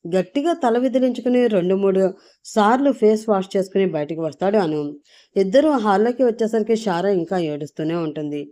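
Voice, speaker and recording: A woman narrating a scripted audio story in a calm, even storytelling manner. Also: mid-range voice, fairly quick.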